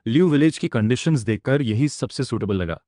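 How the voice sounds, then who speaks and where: A man tells a fantasy adventure as a scripted story recap, with a dramatic narrating delivery. His voice sits at an ordinary middle pitch. The sound is dry and close, with no room around it. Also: animated, normal speed, dark tone, no room sound. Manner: dramatic recap narration, voicing all characters himself.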